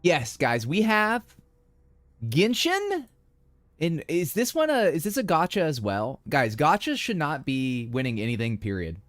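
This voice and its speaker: Young man, live streamer, playful chatter, somewhat high voice, dry close sound. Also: huge pitch swings, a little slow, a bit bright, no echo. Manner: playful, chatty, addresses chat. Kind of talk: casual live-stream commentary.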